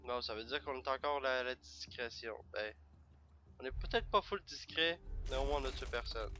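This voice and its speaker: A young man giving casual gameplay commentary, excitable and breaking into sudden loud outbursts and cursing. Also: medium pitch, normal speed, soft background music. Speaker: gaming video creator.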